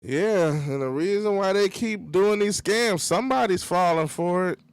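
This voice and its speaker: Smooth-voiced man chatting on a stream. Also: high voice, moderate pace, no echo. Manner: rambling, profane storytelling with fillers. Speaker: livestream host. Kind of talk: casual livestream chat.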